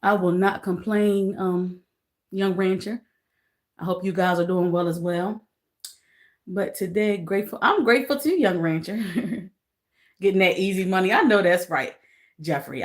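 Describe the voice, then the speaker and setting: A woman's voice: lowish voice, moderate pace. A middle-aged woman hosting a casual live stream. She greets viewers by name, repeats her phrases and talks earnestly and emotionally about grief. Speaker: livestream host.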